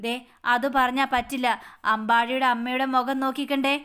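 A woman's voice: high voice, level tone, a little fast, fairly bright tone, smooth. A woman voicing a confident middle-aged man who coaxes and reassures his family. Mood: reassuring. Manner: coaxing, reassuring.

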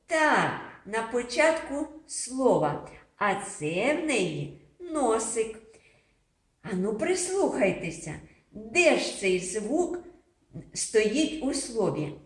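A woman teaching young children a phonics lesson, slowly sounding out syllables and repeating words for them to copy. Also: on the high side, big pitch swings. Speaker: preschool teacher. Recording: echoey room.

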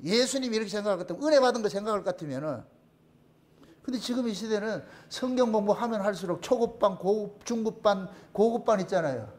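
Middle-aged pastor, very high voice, animated preaching style, fires rhetorical questions at the congregation, slips into quoted voices. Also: male voice, fast talker. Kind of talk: sermon.

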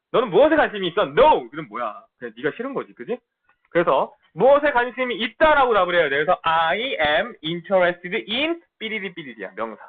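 A man teaching a middle school English lesson to his students, talking in blunt, casual banter and checking in often to make sure they follow. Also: high voice. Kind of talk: online lecture. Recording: tinny phone-like sound.

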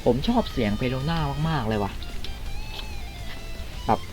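A man from Thailand giving loud, excited commentary while playing a mobile game on a computer, often shouting and taunting opponents. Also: medium pitch, unhurried, music in the background. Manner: shouty bursts, swearing, talks to opponents. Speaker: gameplay streamer.

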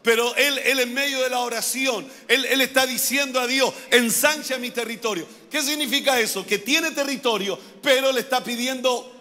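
A male pastor, preaching a fervent sermon that keeps repeating and building to shouts. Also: extremely high pitch, normal speed, long reverb tail. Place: church.

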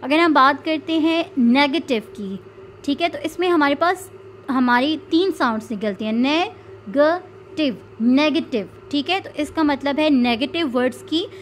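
A woman's voice: high voice, normal speed, slight background noise. A woman teaching an English grammar lesson. She explains step by step and answers her own questions. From Pakistan.

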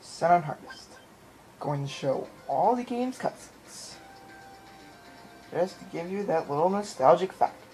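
Filming his TV screen in a small home room with a handheld camera or phone, a gaming video maker mutters reactions and apologetic asides as he plays, with video game music in the background. His voice is on the high side and a little mellow, with lively intonation, a measured pace, and frequent pauses. The camera-mic recording is rough.

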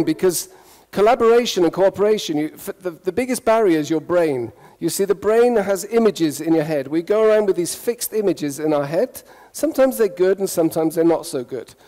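A man's voice: sits high, warm tone, in a large hall. A man raised in the UK, giving a humorous conference talk and playfully asking the audience questions. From United Kingdom. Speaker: conference speaker. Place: conference hall.

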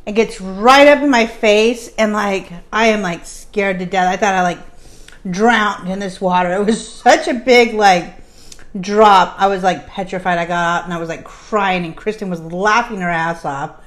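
A woman's voice: mid-range voice, normal speed. A woman vlogger telling casual stories while eating, chatty, with frequent "like" fillers. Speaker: mukbang vlogger.

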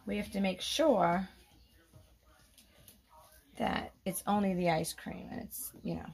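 Fussing woman with a gravelly voice. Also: medium pitch. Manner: fussing, soothing, talks to viewers. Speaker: doll vlogger. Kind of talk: doll role-play vlog narration.

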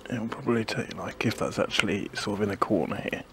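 Brisk and fairly bright, this man's voice sits on the low side with fairly even intonation. As a gardening vlogger, he thinks aloud to camera while planting in a small backyard garden, doubting himself and letting sentences trail away. Background noise from outdoors is audible.

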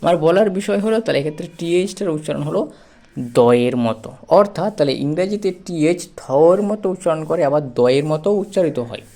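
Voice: mid-range voice, darkish tone. Patient teacher spelling words out. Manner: spells words letter by letter and repeats each sound patiently; explains step by step, asking and answering own questions. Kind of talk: pronunciation lesson for students.

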